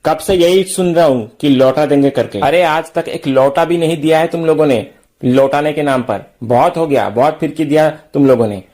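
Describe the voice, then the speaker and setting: A man's voice: on the high side, normal speed, a little mellow, close to an everyday voice. A man reading the lines of a hot-tempered young man who talks in blunt street slang, with little change from his own voice.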